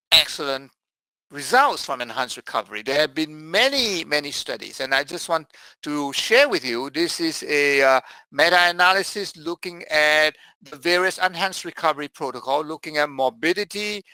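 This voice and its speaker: Bright-voiced man giving a medical lecture. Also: fairly high pitch, no echo, poor audio. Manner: measured, with frequent "uh" fillers. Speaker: anesthesiologist lecturer. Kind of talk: medical presentation.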